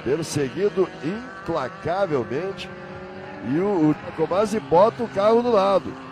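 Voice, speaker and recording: A man works as a live motorsport commentator. His voice sits fairly high, and he calls the race emphatically, repeating drivers' names and phrases. Clear engine and trackside noise runs behind him.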